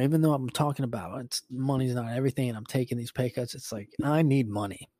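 Man, late 20s, solo podcast host; loose, rambling, profane, mid-pitched, dry close mic. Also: a little mellow, no room sound. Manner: rambling, frequent swearing and fillers. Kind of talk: casual solo reflection.

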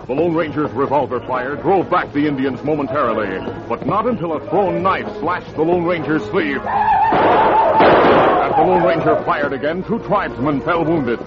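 On a muffled old radio recording with music, a man narrates a western adventure in dramatic, scripted 1940s radio style. His voice sits on the high side, and his pitch swoops wildly at a normal speed.

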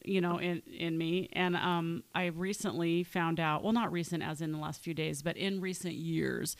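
A woman's voice: fairly low pitch, fairly even intonation, moderate pace, no room sound. A woman co-hosting a podcast in casual chat, chatty and laughing often. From Pacific Northwest of the US. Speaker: podcast co-host.

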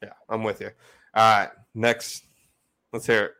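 A man's voice: on the low side, flat delivery, unhurried, vocal fry, pushed and bright, poor audio. A man co-hosting a sports podcast, chatting casually and laughing as he retells favorite TV scenes. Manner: laughs often while retelling funny scenes. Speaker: podcast co-host. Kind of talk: casual chat.

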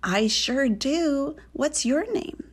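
A woman's voice: sits high, lively intonation, slow pace, pitched above the performer's own voice. A woman voicing a cheerful, friendly male toad who wants to surf. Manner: laid-back, upbeat.

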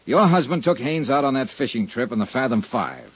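A sardonic radio investigator. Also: male voice, mid-range voice, very animated, fairly quick, slightly rough, no room sound. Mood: accusing. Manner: clipped, sardonic, world-weary. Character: hard-boiled male insurance investigator, weary and blunt. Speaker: insurance investigator. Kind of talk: 1950s radio drama acting with narration. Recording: dull lo-fi old radio broadcast.

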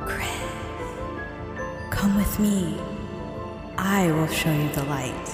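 Ghostly guide, female, woman actor; soft, deadpan, patient; drenched in echoey reverb. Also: low-pitched, music in the background. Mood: solemn. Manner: soft, unhurried, dryly patient.

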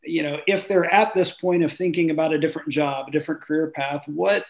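Higher-voiced man hosting a podcast. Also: fairly even intonation. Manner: measured, conversational questioning. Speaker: podcast host. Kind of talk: interview hosting with read promo.

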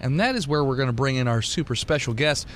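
A game master and podcast host improvises narration, describing scenes in a casual, conversational manner. He has a mid-range, expressive voice and talks fast, with background noise coming through clearly.

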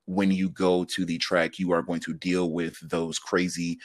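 Brief: thirties male guest, deep voice, chatty and quick, dry close recording. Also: flat delivery, dry recording. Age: 30s. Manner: quick, laughing, heavy on filler words. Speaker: podcast guest. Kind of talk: casual interview storytelling.

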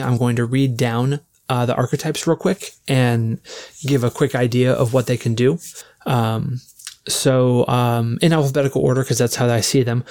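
Easygoing man explaining game rules. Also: medium pitch. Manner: relaxed, explains rules with many fillers. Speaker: game master. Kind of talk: casual game prep chat.

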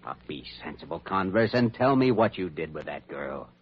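A man's voice: sits low, animated, moderate pace. An actor playing an earnest, resolute male doctor with a firm manner, in classic radio drama style. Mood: stern, pressing. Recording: muffled, noisy vintage radio recording.

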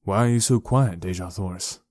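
Reader doing an earnest adventurer, low and hushed, dry close voice. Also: male voice, fairly quick, no room sound, close to an everyday voice. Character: earnest human man, a lovestruck adventurer.

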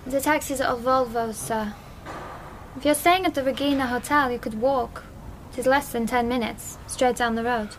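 An actress as a courteous local woman in a drama, matter-of-fact and deferential. Her voice is on the high side, with faint ambient noise around it. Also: normal speed, close to an everyday voice. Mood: helpful, plain. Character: polite local woman giving directions to a stranger. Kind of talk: naturalistic drama dialogue.

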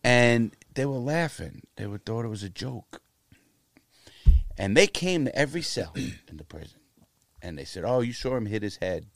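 With no echo, a mid-range male voice comes through at normal speed. This interview guest in his fifties is an animated storyteller whose casual tales are blunt and peppered with profanity.

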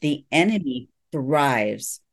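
In a mid-range, animated voice, a middle-aged man who works as a psychologist offers earnest, reassuring explanations at a measured pace during a conversational interview.

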